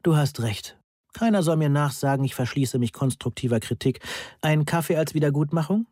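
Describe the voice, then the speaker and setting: A man's voice: on the high side, brisk, a little mellow, no room sound, clean studio sound, pitched above the performer's own voice, close to an everyday voice. A man voicing an aloof, cool male math lecturer who speaks politely but with detachment in a German audiobook. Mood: coolly cutting.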